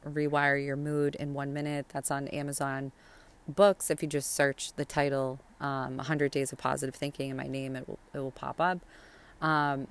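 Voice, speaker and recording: A cheerful, encouraging woman giving a casual motivational pep talk outdoors, chatty and rambling with frequent asides. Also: low-pitched. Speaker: vlogger giving motivational advice. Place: outdoors on a sun deck.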